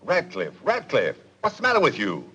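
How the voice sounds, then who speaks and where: An actor playing a formal, brisk school board official speaking by phone in a 1940s film. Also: male voice, fairly high pitch, wildly swooping pitch, bright, forceful tone, slight background noise, exaggerated voice. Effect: phone line. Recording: dull old film audio.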